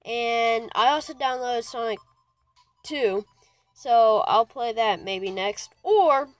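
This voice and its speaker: Slow-talking excitable woman gamer. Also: a little high, no echo, low-quality recording. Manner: chatty and excitable, quick to grumble about the game. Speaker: gaming channel host. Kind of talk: casual gaming commentary.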